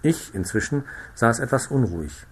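A man reads a classic story aloud in a measured, expressive way. His voice sits in a middle pitch, and his delivery is steady and clear. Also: slight background noise. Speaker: reader. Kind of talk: literary audiobook narration.

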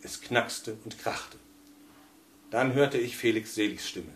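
A man reading a humorous story aloud in a wry, lively way. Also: fairly low pitch, slow pace, slight background noise. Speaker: narrator.

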